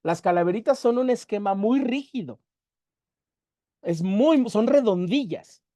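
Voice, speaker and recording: Mellow poetry teacher, dry sound. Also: medium pitch, animated, no room sound. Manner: methodical, spells out syllables slowly with emphasis. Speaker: literature workshop teacher. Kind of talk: explanatory lecture.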